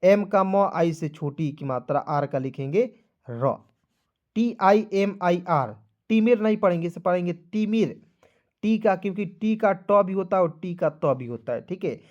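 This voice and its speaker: A man's voice: high-pitched, animated, moderate pace, darkish tone, highs cut off. A male teacher giving a beginners' spelling lesson, repeating each step and coaxing his viewers along as friends.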